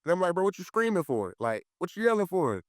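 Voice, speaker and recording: A man from Florida, telling stories on a podcast in a lively way and acting out what teammates said. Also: high-pitched, fast talker, no room sound, studio quality. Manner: animated, acts out quotes of teammates, swears freely. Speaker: podcast guest, former football player. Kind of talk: casual storytelling.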